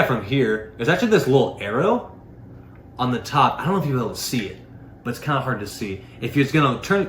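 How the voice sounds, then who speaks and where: This man reviews products, walking through an informal, off-the-cuff demo and scattering filler words as he rambles. He has a mid-range voice with a bit of brightness. There's a roomy echo on the audio, plus faint background noise.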